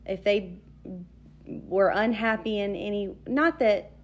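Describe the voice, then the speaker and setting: A woman co-hosting a podcast in casual chat, chatty and quick to laugh, often restarting her sentences. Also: mid-range voice, muffled recording. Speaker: podcast co-host.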